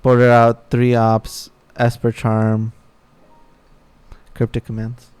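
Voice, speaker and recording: A man streaming a card game live, talking to himself and his viewers, swearing at bad luck and muttering quietly between outbursts. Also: mid-range voice, completely flat delivery, slow pace, clear, resonant tone, faint music behind.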